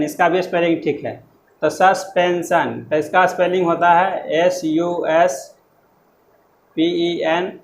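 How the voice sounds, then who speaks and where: A man teaching an exam-prep lesson, explaining words slowly and spelling them out letter by letter, with loose, repetitive phrasing. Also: high voice, echoey room, a little hiss or hum, low-quality recording.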